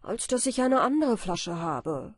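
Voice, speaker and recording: A woman voicing a poor, hopeful peasant man in a fairy tale audiobook, speaking loud and eager. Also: mid-range voice, very animated, a little slow, slightly rough, dry recording, studio quality.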